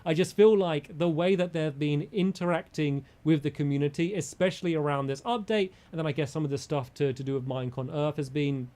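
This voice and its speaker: A man giving casual opinion commentary as a gaming creator, measured and diplomatic, carefully qualifying his points. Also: on the high side, dark tone.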